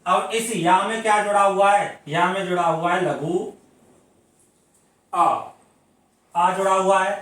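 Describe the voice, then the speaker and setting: The teacher's tone here is steady and fairly bright while he explains Hindi grammar step by step without hurrying. He quizzes the class, then supplies the answers, pronouncing examples syllable by syllable. He's picked up from a distance in a very reverberant room.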